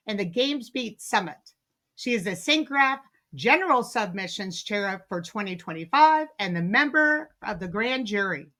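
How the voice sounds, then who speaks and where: A woman's voice: a little high, pushed and bright. A woman hosting a podcast interview, enthusiastic, with frequent fillers and restarts as she talks. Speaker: podcast host.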